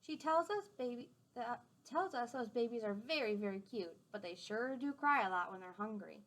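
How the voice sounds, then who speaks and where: Speaking at a normal speed in a fairly high voice, a woman reads a picture book aloud for young children. She sounds expressive and teacherly and offers simple explanations along the way.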